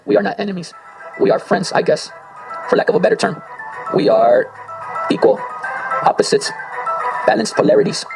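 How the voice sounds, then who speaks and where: With a high, gravelly voice, a native Spanish speaker raised in a Spanish-speaking household improvises an abstract spoken word piece, rambling and talking to himself. The audio is poor, and faint circus music sits in the background.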